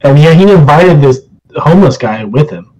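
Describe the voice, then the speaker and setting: A man's voice: a little high, expressive, moderate pace, mellow, slightly rough, muffled recording. A young man telling rambling stories in a casual chat, swearing and laughing often. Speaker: live stream host.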